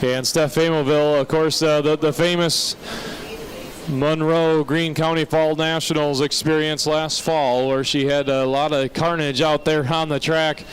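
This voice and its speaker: A man's voice: on the high side, flat delivery, a little slow. An American man giving folksy, explanatory live commentary as a tractor pull announcer outdoors. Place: outdoor motorsport track. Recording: noisy outdoor event, vehicle engines.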